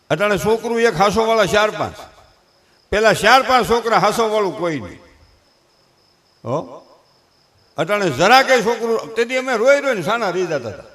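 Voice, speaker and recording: Older man, high voice, Kathiyawadi Gujarati accent; folksy stage comic who preaches as he jokes. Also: fairly bright tone. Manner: folksy, preachy, with rustic dialect. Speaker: folk comedian and speaker. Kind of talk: humorous stage talk with moral advice. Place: stage before a live audience.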